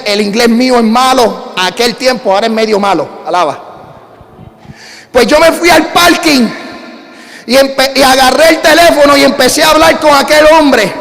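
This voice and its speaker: A man with a Puerto Rican accent, a pastor telling a personal story in a sermon with lively calls to his congregation. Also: extremely high pitch, gravelly. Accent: Puerto Rican Spanish. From Puerto Rico. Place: church sanctuary. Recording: church hall reverb.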